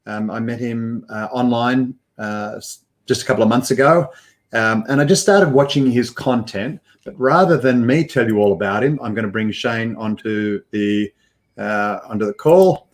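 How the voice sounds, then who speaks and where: An older man hosts a live video call interview from an indoor studio with a banner backdrop, wearing headphones with a mic and framed by a webcam. His mid-range voice moves at normal speed, and he has an upbeat presenter style with frequent fillers.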